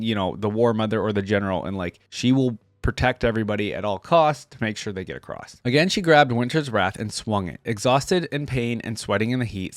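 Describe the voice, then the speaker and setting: With a fairly low pitch and a clean, echo-free studio sound, a man reacts on camera. He reads out story passages and game descriptions, thinking aloud and commenting informally along the way.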